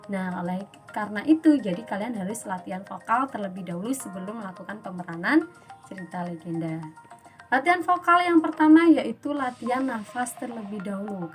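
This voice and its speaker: Woman teacher, patient step-by-step explainer, mid-pitched voice, young adult. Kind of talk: instructional lesson for students.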